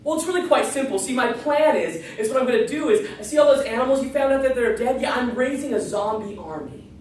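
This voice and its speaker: A man's voice: very high-pitched, animated, fast, a little hiss or hum, pitched above the performer's own voice. An evil little female Pomeranian acted out by a man lays out boastful schemes in a comic folksy tall tale. The voice comes from far off in a very echoey room. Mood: smugly scheming. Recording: distant, very echoey live room.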